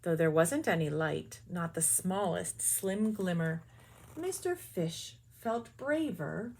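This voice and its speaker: A female teacher reads a children's picture book aloud, telling the story expressively and slipping in quick, quiet asides. Her voice is on the low side and gravelly.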